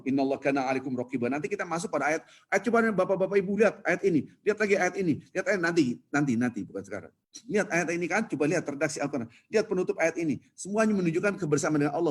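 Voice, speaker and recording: A man teaching an Islamic dawn lecture on a video call, telling stories with a lively, rising voice when he explains. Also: slightly rough. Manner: lively storytelling preacher, rises in pitch when explaining. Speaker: ustadz giving a dawn study lecture.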